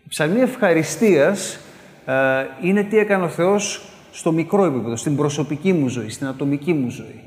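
A man preaching a sermon, animated when he calls out his examples and hushed as he moves toward prayer. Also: a little high. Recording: echoey hall with long reverb.

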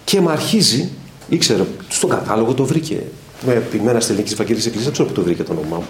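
Preaching at a Bible study in a fairly low voice, a middle-aged evangelical preacher narrates stories with quoted dialogue and questions his audience. The echoey room carries faint ambience, plus a little hiss or hum.

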